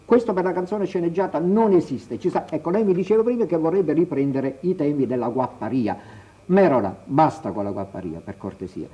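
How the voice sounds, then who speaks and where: A man with a fairly high, husky voice argues emphatically in a talk-show debate. The broadcast recording is dull and muffled. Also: lively intonation, a little fast, warm tone. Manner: emphatic, insistent. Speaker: journalist.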